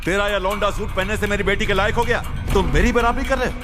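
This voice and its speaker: A man's voice: high voice, quick pace, over music, natural voice. A man playing an arrogant wealthy father who scorns a former servant in a film drama. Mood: contemptuous. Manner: scornful, domineering. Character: arrogant rich man, contemptuous, proud father.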